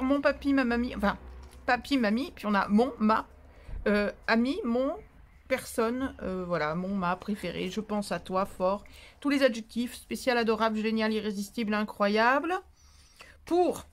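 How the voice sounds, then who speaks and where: A woman hosting a paper-craft tutorial, talking casually and rambling as she thinks aloud, with playful little asides. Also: on the high side. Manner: chatty and rambling, thinking aloud while stamping; playful, drifts into silly singsong asides.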